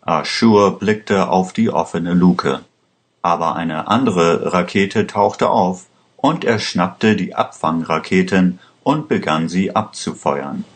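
A man narrating a story in a plain, deliberate reading style. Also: low voice. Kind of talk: slow audiobook narration.

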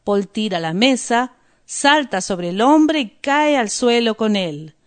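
Slow-reading woman narrator for learners. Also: fairly high pitch, expressive. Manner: slow, deliberate, clear. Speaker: story narrator and language teacher.

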